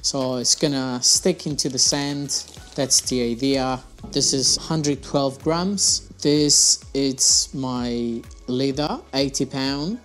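A man's voice: mid-range voice, slow pace, fairly bright tone, faint music behind. Young man chatting casually about fishing gear. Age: young adult. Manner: casual, chatty, slightly non-native phrasing. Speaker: fishing channel host. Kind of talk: gear review vlog. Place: small indoor room at a desk. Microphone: lapel mic.

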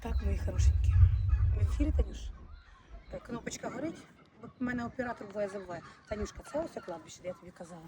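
A woman's voice: mid-range voice, animated, rapid-fire. Chatty woman vlogging on a noisy street. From Ukraine. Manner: chatty, affectionate, addresses viewers fondly. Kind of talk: casual vlog, touring a village. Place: outdoors in a village.

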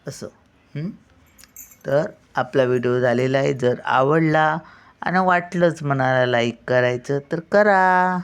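Slow, gravelly older woman teaching. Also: rumbling low. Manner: patient, sounds out words syllable by syllable. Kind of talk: slow spelling lesson for children.

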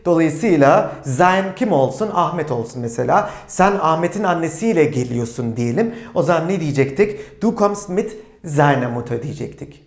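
A man giving a slow, deliberate grammar lesson and putting questions to his students. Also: sits high, echoey room. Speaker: German teacher. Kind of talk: classroom-style grammar lesson.

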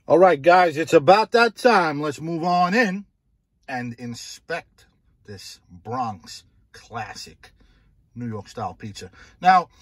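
A man's voice: fairly high pitch, animated, slow pace, no echo. A man hosting a casual food review vlog, talking about pizza with enthusiasm and repeating his phrases for emphasis.

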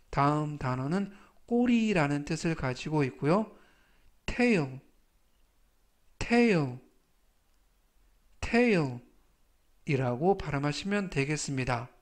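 A man teaching English vocabulary, with Korean as his first language, repeating each word slowly three times in a patient, deliberate way. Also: fairly high pitch. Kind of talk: slow, deliberate vocabulary lesson.

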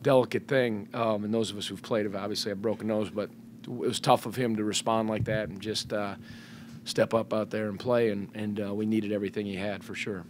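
A man's voice: on the low side, steady tone, fairly quick, a little hiss or hum. A middle-aged man, a head basketball coach, answering questions at a post-game press conference, speaking thoughtfully with many fillers and restarts into a table microphone. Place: press room in front of a sponsor backdrop.

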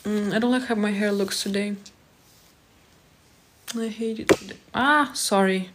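A woman's voice: medium pitch, fairly even intonation, unhurried. Young Moldovan woman chatting on a phone stream. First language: Romanian. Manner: reads viewer comments aloud and answers them, friendly and chatty. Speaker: live streamer. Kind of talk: casual live-stream chat reading comments aloud. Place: small indoor room at home. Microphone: phone held close at arm's length.

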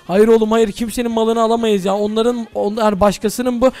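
Young guy yelling through minecraft roleplay, super high fast voice, dry close mic. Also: no room sound, soft background music. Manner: excitable, addressing viewers, exclaiming. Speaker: gaming YouTuber. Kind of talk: Minecraft role-play commentary.

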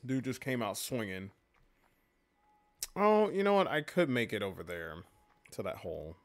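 A man hosting a let's play, reacting loudly, laughing and swearing as he comments on the game. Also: mid-range voice, sing-song, normal speed.

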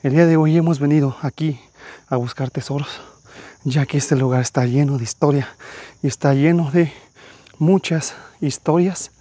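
Husky young man vlogging in woods. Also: mid-range voice, warm tone, no echo. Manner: enthusiastic, addresses viewers as friends. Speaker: treasure-hunting vlogger. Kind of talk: outdoor vlog narration. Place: wooded hillside outdoors. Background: crickets and insects.

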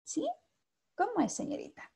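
A woman with a dark-toned voice and a moderate pace teaches an English class over a video call in a Chilean Spanish accent. Patient throughout, she checks in with the students constantly and mixes English into her Spanish.

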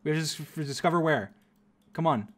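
A man's voice: fairly high pitch, a bit bright, dry recording, clean studio sound. A young man, arguing and laughing with a friend while playing a geography guessing game. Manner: laughing, argumentative, quick retorts. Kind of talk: casual gaming banter.

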